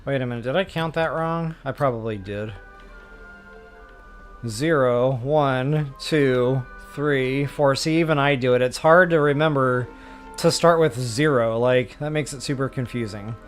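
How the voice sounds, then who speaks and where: Over game music, a man hosts a casual gameplay walkthrough, explaining things informally and thinking aloud while he plays. His voice is medium in pitch and his pace measured, with a folksy feel.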